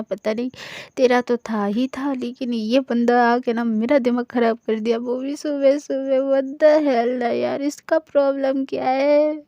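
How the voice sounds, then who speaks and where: A woman's voice: on the high side, gravelly, warm tone, dry recording, muffled recording. A woman voicing a dramatic young woman who keeps begging her best friend for help. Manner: whiny and begging, repeats please. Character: pleading, dramatic young woman, hates being pursued.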